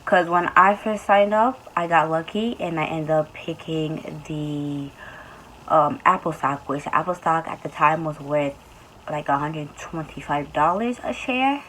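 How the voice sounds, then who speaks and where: A woman's voice: sits low, a little slow, fairly bright tone, a little hiss or hum, poor audio. A young woman hosting a casual vlog, talking in a sleepy voice, loose and chatty with lots of fillers. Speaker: YouTube host.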